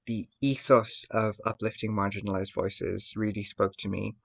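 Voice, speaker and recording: A man from Bangladesh, a contributing editor, telling his own story in a soft-spoken way with frequent um fillers. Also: lowish voice, little pitch movement, normal speed, gravelly. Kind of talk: personal testimony.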